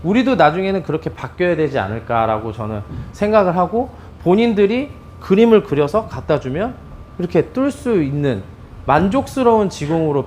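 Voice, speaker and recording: Middle-aged male bowling instructor, lively and rising in pitch, faint room hum behind. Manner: lively, animated explaining with many "자" cues. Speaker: bowling pro explaining ball drilling. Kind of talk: instructional demonstration.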